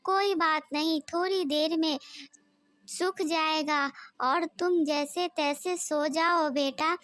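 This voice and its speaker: A woman puts on an elderly mother in a cartoon story, tender yet reproachful. The voice sits very high and moves slowly, barely rising or falling. It sounds close and dry. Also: fairly even intonation, fairly bright tone, dry recording. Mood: gentle. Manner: pleading, scolding.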